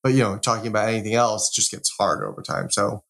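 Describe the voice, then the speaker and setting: Low-voiced laid-back podcast co-host, a man. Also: quick pace, gravelly. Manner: relaxed, loose, heavy on "you know" and "like". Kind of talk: casual tech podcast discussion.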